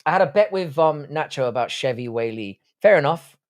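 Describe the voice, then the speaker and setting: A man's voice: fairly high pitch, animated, brisk. A man in his thirties with a London accent, hosting a live stream and answering viewer comments in a blunt, profane, joking way. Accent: London English. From Ireland, raised in southwest London. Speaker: livestream host.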